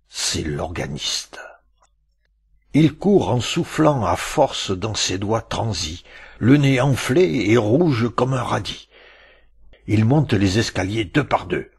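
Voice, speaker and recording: A man narrating a classic tale aloud with a dramatic, storytelling delivery and many pauses. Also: fairly low pitch, gravelly, husky.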